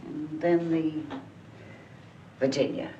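An actress playing a weary, patient playwright who speaks slowly and deliberately. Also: female voice, sits low, dark tone, muffled recording. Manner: slow and deliberate, coaxing. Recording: roomy, distant film audio with faint hiss.

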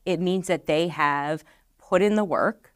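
A marketing director in middle age sits for a podcast interview, speaking earnestly at a measured pace in a low, dry voice. She often circles back, using fillers and restarts as she explains. The lapel mic keeps the dry recording close and dead.

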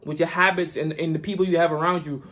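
A man's voice: on the high side, fairly even intonation, fast talker, a bit bright. A young man from Guyana vlogging casually and giving hyped, repetitive motivational advice.

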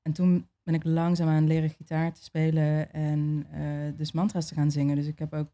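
Woman, young adult, interview guest, mellow dark tone, hesitant storytelling, many fillers. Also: low-pitched, completely flat delivery, moderate pace. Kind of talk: relaxed conversational storytelling.

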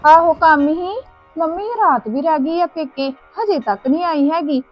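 A woman's voice: high voice, a little slow. Woman playing an anxious Punjabi young wife. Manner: anxious, coaxing. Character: anxious young wife, eager daughter-in-law. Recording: dull lo-fi sound with faint music.

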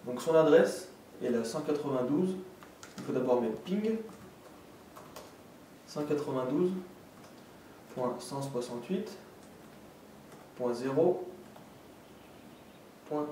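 Animated yet slow, with long pauses, a man with a warm, mid-range voice presents a technical tutorial step by step in a methodical, instructional style. He's indoors by a desk and green backdrop. The echoey room and distant mic add faint noise.

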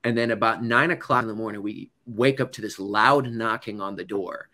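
An American news correspondent tells stories to an audience in a loose, conversational style, filling his speech with "like" and "you know." His voice is lowish and sharp-toned, moving at a normal speed.

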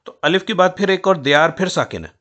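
A man teaching a lesson on poetic meter, explaining patiently and slowly chanting out syllables as he scans lines. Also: high voice, a bit bright. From South Asia. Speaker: Urdu poetry teacher.

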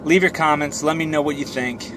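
Driving along, a thirtysomething vlogger talks casually to camera with self-deprecating humor, his slightly high voice steady and fairly quick. The car cabin recording carries road and fan noise along with air and engine sounds.

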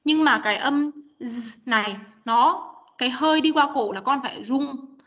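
A woman's voice: high-pitched, normal speed, fairly bright tone. A woman teaching an online class, patiently coaching young students on pronunciation and modelling each sound again and again over a video call. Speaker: English teacher. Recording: dull muffled video call audio.

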